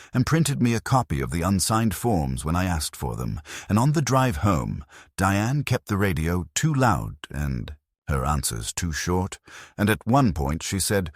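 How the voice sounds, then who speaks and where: An older man narrating a first-person story in a measured, even-toned way with long flowing sentences. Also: sits low, slightly rough, no echo, studio quality.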